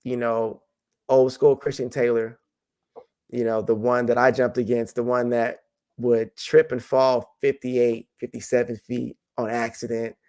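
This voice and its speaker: Talking a little slowly in a mid-range voice, a man who coaches track and field jumps rambles through a podcast interview. He stays relaxed, often using fillers and starting sentences over.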